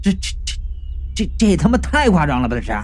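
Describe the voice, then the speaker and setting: A man's voice: high-pitched, big pitch swings, fast talker. A man narrating a comic first-person story in a wisecracking, colloquial way.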